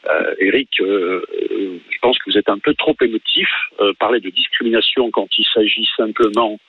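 A man calling in to a radio show over a phone line, speaking haltingly and politely in a husky voice. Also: fairly low pitch. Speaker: phone-in caller. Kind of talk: hesitant spoken opinion on live radio. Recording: narrow, tinny phone line.

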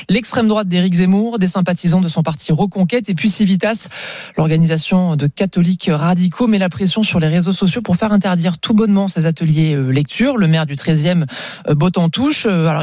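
A woman presenting a press story on a live radio show, in a lively, ironic and pointed manner. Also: fairly low pitch, no echo, clean studio sound. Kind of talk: press review commentary. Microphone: studio microphone.

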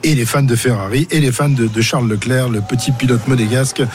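Un homme qui co-commente une course automobile en direct, avec un parler simple et familier. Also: male voice, mid-range voice, steady tone, a little fast, darkish tone, a little hiss or hum. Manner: colloquial, plain-spoken. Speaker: motorsport co-commentator. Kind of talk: casual live motorsport commentary.

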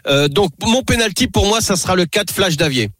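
A man giving horse racing tips on a radio show, talking casually and haltingly with many fillers and restarts. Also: sits high, expressive, fairly bright tone, dry recording, clean studio sound. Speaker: racing tipster.

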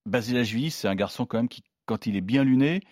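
A man giving tennis tips in casual chat, animated, with laughing asides and hesitant fillers. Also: mid-range voice, fast, no echo, studio quality. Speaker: tennis pundit.

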